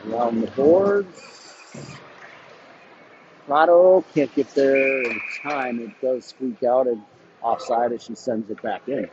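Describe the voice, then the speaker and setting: A man doing live hockey play-by-play commentary in quick, clipped calls that jump up on shots. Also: mid-range voice. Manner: rapid clipped calls, bursts of excitement on shots. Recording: dull lo-fi stream audio with noise.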